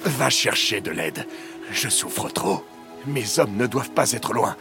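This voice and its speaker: A man's voice: medium pitch, expressive, slow pace, creaky, music in the background. A man voicing a wounded middle-aged dragon hunter, speaking in a hollow, pained, grave voice in a storybook reading. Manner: hollow, grave, strained with pain.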